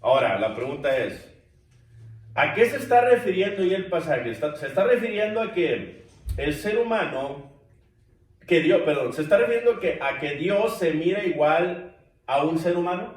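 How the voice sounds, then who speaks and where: The voice is a man's, fairly high and animated, at a normal speed. As a preacher teaching a church Bible class, he calls the listeners brothers and asks the class questions, with a distant mic catching the echoey church room.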